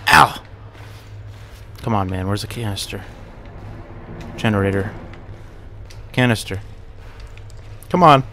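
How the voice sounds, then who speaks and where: Young man, low-pitched, bright tense tone, let's play commentary, profane muttering, faint background noise. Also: lively intonation, slow pace, long pauses. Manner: rambling and profane, often muttering to himself; yelps and curses at jump scares. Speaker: gaming channel host.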